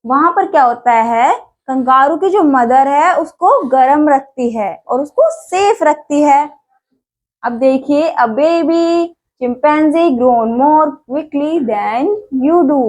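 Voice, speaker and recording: A woman teaching young children in a coaxing, questioning way, asking things and answering them herself. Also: high voice. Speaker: online school teacher. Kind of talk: children's English vocabulary lesson.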